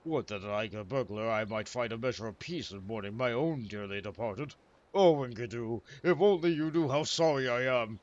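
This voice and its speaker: A man's voice: medium pitch, normal speed, dull audio, voice pushed down, close to an everyday voice. A man voicing a grieving warrior from a video game in a solemn, florid, theatrical way. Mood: mournful. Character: grieving, melodramatic warrior mourning his dear companion. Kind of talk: video game dialogue acting.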